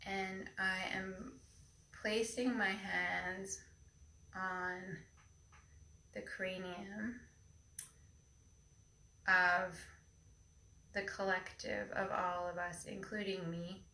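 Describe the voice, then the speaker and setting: A woman guiding a chakra healing meditation in a soft, airy, breathy mystical healer manner, with unhurried pauses. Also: mid-range voice, fairly even intonation. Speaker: meditation guide and energy healer. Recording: roomy echo, distant mic, background noise.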